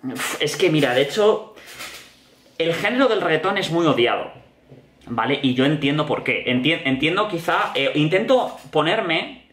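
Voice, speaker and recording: A young man with a Spain Spanish accent reacts to a music video in casual, animated commentary and keeps dropping slang as he talks. His voice sits a touch high for a man. The sound bounces around an echoey room. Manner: animated, slangy, repeats "tío" often.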